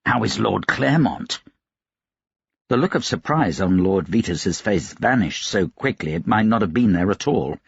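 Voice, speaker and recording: A male audiobook narrator reads a fantasy novel as scripted narration, in a measured, even storytelling manner. His low voice has a husky edge, and the close, dry recording sounds slightly dull, with no room sound.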